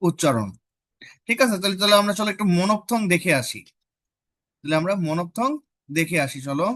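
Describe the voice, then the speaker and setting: A woman teaching an online phonetics class, asking students questions and repeating vowel sounds slowly to model them. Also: lowish voice, animated, a bit bright.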